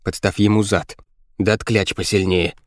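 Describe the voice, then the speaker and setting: A man voicing a frantic, bossy and spiteful girl in an audiobook, with shrill, scolding and hurried whispered lines. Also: little pitch movement, lightly acted.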